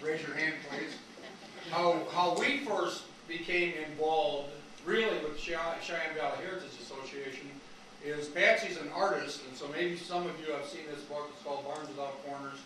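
An American man in his sixties with a Midwestern accent and a loud coach's voice, giving an informal, folksy talk to an audience without a microphone. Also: on the high side, normal speed, recorded from a distance, crowd noise. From rural Wisconsin, USA. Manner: informal, folksy, rambling asides. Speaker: lecturer, retired history teacher. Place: community meeting room, indoors. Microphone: no microphone, picked up from across the room. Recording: echoey room from afar, faint noise.

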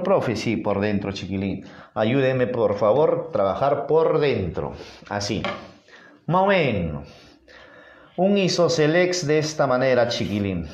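A man with a Peruvian accent teaching a geometry review lesson at a whiteboard, playful and coaxing with his students. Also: on the high side. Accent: Peruvian Spanish. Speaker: math teacher. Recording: roomy echoey room sound.

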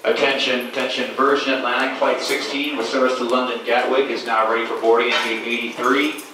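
A man's voice: mid-range voice, flat delivery, a little fast. A man making a formal boarding announcement over the airport intercom. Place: airport terminal. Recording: distant echoey public-address sound with terminal noise.

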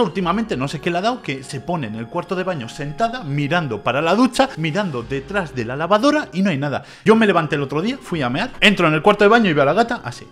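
A man with a Spain Spanish accent hosts a reaction video. He is jumpy and excitable and swears a lot. His voice sits a little high and swings widely in pitch. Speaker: video host. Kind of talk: reaction commentary.

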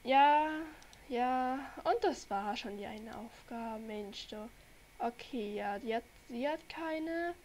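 A young German woman with a cold hosts her gaming channel, chatting and rambling to viewers as she plays in casual commentary. Her voice is a little high, slow and slightly mellow. She uses a desk microphone, with slight background noise.

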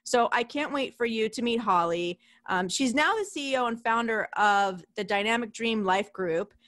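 A woman hosting a casual podcast interview, chatty and quick to laugh, with casual swearing. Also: a little high, fairly bright tone. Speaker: podcast host.

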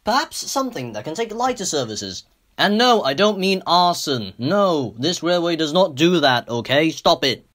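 A woman playing a stingy, bossy railway boss with a curt, scolding, deadpan delivery in a hobby train cartoon. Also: sits low, moderate pace, slight background noise. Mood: stern. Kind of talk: hobby animated train-story dialogue.

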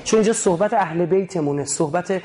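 A man from Iran giving an animated religious lecture to a live audience, asking rhetorical questions and explaining words one by one. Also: sits high, slight background noise. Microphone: recording his own lecture.

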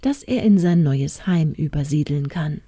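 A woman voicing a serious, calm older male doctor who speaks quietly and gravely. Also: low voice, measured pace, dry recording, clean studio sound. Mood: reassuring.

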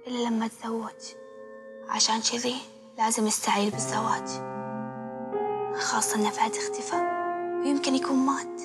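A woman's voice: fairly high pitch, flat delivery, a little fast, long pauses, over loud music, close to an everyday voice. An actress playing a brooding, scheming young woman thinking aloud in a TV drama, with a Gulf Arabic accent. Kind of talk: inner monologue in TV drama.

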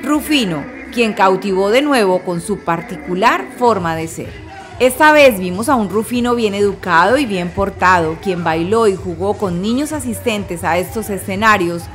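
Woman, news voice-over, upbeat read, clear music underneath. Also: mid-range voice. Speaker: news reporter. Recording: music bed behind voice-over.

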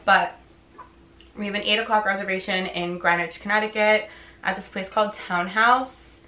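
A woman's voice: medium pitch, moderate pace. A young woman vlogging from her living room couch, tired and chatty, talking casually and saying "like" a lot. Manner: relaxed, chatty, heavy use of "like". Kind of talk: casual vlog chat. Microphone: camera on a tripod. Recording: roomy home recording with faint hiss.

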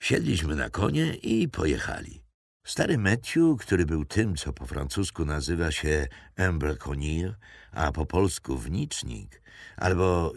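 Deep gravelly audiobook narrator, man. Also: no room sound, clean studio sound. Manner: measured storytelling.

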